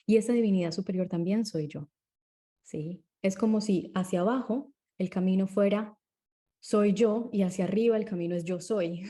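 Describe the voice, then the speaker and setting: A woman with a mellow, warm voice, talking as a guest in an interview. She explains things calmly and steadily, pausing now and then to check that the listener is following. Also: mid-range voice. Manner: calm and explanatory, often checks in with tag questions.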